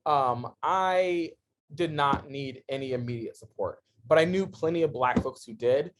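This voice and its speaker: Through a podcast microphone with a noisy background, a man in his thirties tells his story in an easygoing interview. His mid-range voice is unhurried, punctuated by frequent laughter, and it moves between enthusiasm and quiet earnestness.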